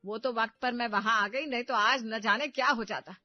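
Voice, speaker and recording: A woman voicing a domineering, scheming middle-aged mother in a cartoon story, loud and scolding. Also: a little high, normal speed, no echo, highs cut off, close to an everyday voice.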